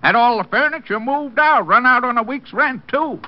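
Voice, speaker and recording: High, swooping, folksy old watchman. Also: expressive. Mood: gleeful, mocking. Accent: American. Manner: chuckling, folksy, drawn-out talk. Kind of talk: 1940s-50s radio drama acting. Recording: muffled, noisy old radio recording.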